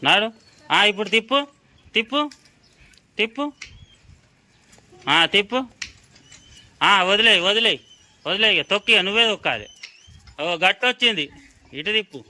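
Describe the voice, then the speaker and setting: A man's voice: sits high, lively intonation, moderate pace, long pauses, pushed and bright. A man with a Telangana accent, filming a family vlog outdoors and coaching a child with repeated, urging commands. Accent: Telangana Telugu. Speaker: family vlogger. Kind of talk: casual coaching while filming.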